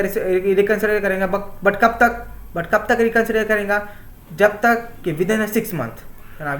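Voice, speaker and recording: A man's voice: high-pitched, fairly bright tone, slight background noise. A young man teaching an exam-prep class in Hindi mixed with Indian-accented English, often repeating himself and asking his students "my friends". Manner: repetitive, often asks "my friends" and "है ना". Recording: echoey room.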